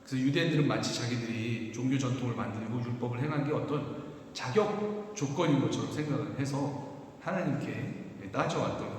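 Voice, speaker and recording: Male pastor, mid-pitched, conversational sermon delivery with emphatic rises, recorded in a reverberant church hall. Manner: conversational preaching, rising emphasis, slows for scripture. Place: church sanctuary. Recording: echoey hall, faint noise.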